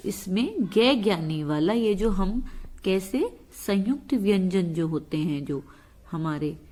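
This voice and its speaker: A woman teacher giving a lesson, explaining and sounding out speech sounds one by one. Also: medium pitch. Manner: slow, explanatory, demonstrates sounds aloud. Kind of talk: classroom lesson.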